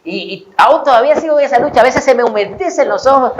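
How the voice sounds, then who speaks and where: A man's voice: very high-pitched, animated, fast talker, dull audio, background noise. A man giving a conversational sermon as a pastor, with self-deprecating humor and acted-out snippets of dialogue.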